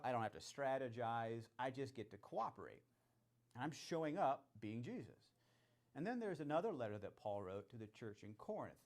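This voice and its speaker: A man's voice: mid-range voice, darkish tone. Enthusiastic man hosting a charity evening. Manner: enthusiastic, conversational, repetitive phrasing. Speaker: host of a charity celebration. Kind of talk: welcoming address and faith talk.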